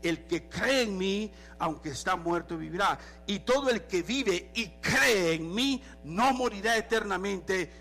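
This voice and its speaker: A male pastor preaching a sermon in an animated way, slipping in English phrases now and then. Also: high-pitched, measured pace, creaky, hardly any pauses.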